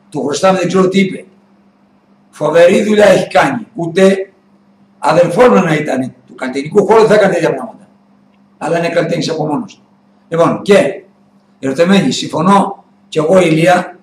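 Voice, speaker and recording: Middle-aged male host, heated swearing rant, higher voice, echoey room with faint noise. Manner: heated, swearing ranter, mimicking dialogues. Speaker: web TV show host. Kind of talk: casual monologue, answering viewers.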